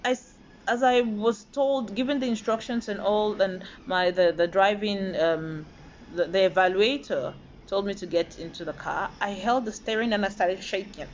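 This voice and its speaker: Woman motivational speaker, animated storyteller, slightly dull recording with a faint hiss. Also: mid-range voice, moderate pace. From Nigeria. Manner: animated, storytelling, acts out quoted voices. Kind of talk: motivational talk with personal stories.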